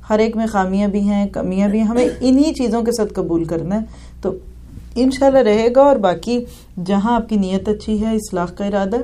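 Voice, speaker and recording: A woman's voice: medium pitch, warm tone. A woman giving earnest family advice, talking straight to her listeners. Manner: earnest, advising, addresses listeners directly. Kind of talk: advice talk.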